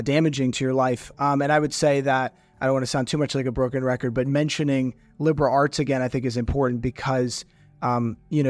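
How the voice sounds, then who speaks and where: A man, an admissions counselor, giving advice in a halting way with many restarts. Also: mid-range voice, no echo. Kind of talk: casual panel advice.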